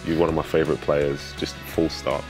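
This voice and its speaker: A man's voice: very deep voice, flat delivery, brisk, darkish tone, faint music behind. A man, conducting a conversational sit-down interview. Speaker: interviewer and former player. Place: indoor studio on a sofa.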